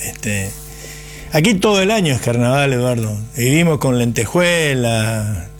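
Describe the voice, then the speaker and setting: A man jokes around and bantering as a host, repeating himself for effect. His voice sits at an ordinary pitch, with faint music underneath. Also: lively intonation, unhurried. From Argentina. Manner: playful, joking, repetitive. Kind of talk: casual banter.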